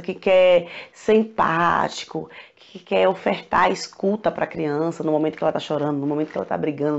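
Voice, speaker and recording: A woman from Brazil, a parenting educator, speaks to camera in a relaxed, conversational way, with a gravelly edge to her voice. The recording sounds a little dull and lo-fi. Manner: conversational, acts out parents' questions with rising pitch. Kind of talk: talking to camera about parenting.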